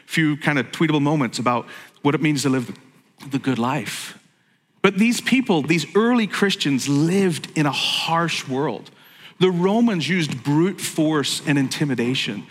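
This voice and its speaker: Preaching in a chatty, joking style full of asides and self-interruptions, a middle-aged Northern Irish pastor speaks in a fairly high voice with a bright, forceful edge. A long reverb trails behind him, like in a large church hall.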